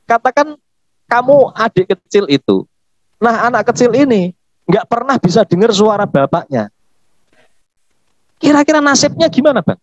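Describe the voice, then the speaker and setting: Animated high-voiced man preaching in chat. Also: normal speed, pauses often, no room sound. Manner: animated, emphatic, laughs often. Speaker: pastor. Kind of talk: casual podcast chat. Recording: dull, lo-fi podcast audio.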